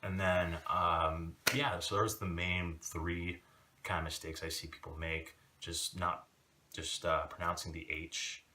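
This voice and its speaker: A man giving a casual video lesson, talking in a relaxed, rambling way with many fillers. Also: sits low, a little slow, recorded from a distance, slight background noise. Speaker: language teacher.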